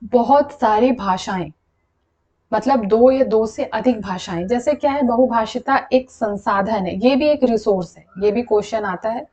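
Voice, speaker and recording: A woman's voice: a little high, unhurried, a little mellow, highs cut off. A young woman teaching an exam-prep lesson, explaining patiently and checking in with listeners as she goes. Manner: explanatory, repeats "thik hai" to check in.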